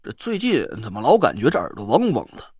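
A man's voice: medium pitch, huge pitch swings, fast talker, a little mellow, husky, no room sound, clean studio sound, pitched below the performer's own voice. A man playing a sly, world-weary older police officer who mutters to himself. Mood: feigning weariness.

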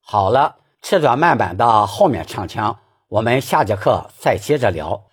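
A man teaching Peking opera singing, taking each point of technique in turn. His voice is a little husky, and his pitch moves a lot as he speaks. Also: big pitch swings, normal speed. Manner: patient, explains technique step by step. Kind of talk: spoken singing lesson.

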